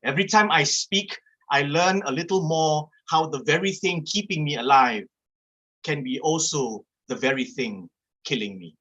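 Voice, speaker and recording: Man, slightly high bright voice, measured reading with pauses; poet at an open mic. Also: husky, lo-fi sound. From Malaysia. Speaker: guest poet.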